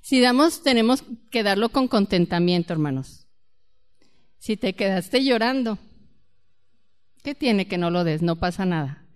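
A woman's voice: mid-range voice, lively intonation, a little slow, pauses often, smooth. A woman preaching a conversational sermon and asking her congregation questions. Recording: long hall reverb.

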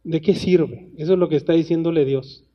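A man's voice: fairly high pitch, steady tone, fairly quick. Male preacher, conversational sermon full of rhetorical questions; lo-fi sound. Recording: dull lo-fi sound.

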